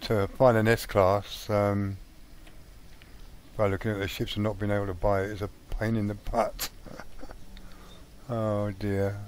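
A man talking through a survival game in a casual let's play, rambling and thinking out loud with plenty of ums. His voice sits on the low side. A faint hum runs underneath. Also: level tone, a little slow, pauses often. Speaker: gaming channel host.

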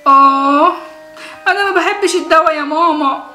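A woman's voice: extremely high pitch, moderate pace, sharp tone, faint music behind. A woman playing a whiny little Egyptian girl doll. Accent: Egyptian Arabic. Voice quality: childlike, whiny. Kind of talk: doll play acting. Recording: echoey room.

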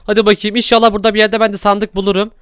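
A young man hosting Minecraft gameplay commentary, excitable and exclaiming often as he talks to viewers. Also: high-pitched, rapid-fire, background noise. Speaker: gaming YouTuber host.

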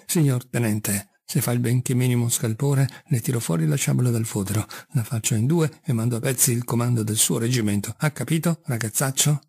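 A man voicing a burly middle-aged baker who threatens in a low, slow undertone. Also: a little mellow, husky, no room sound, clean studio sound. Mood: menacing, hushed.

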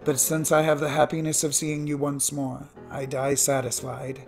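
A man voicing a gentle, dying male beast in an audiobook fairy tale; he speaks slowly and mournfully. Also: a little high, monotone, gravelly, faint music behind. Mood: faint, sorrowful.

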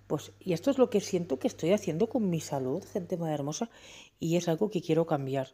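A woman in her forties talks straight to camera in a family vlog. Her voice sits a little low. She is candid and emphatic, breaks off to restart, and keeps asking her viewers rhetorical questions. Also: lively intonation, fairly quick, dark tone. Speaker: family vlogger. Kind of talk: talking to camera.

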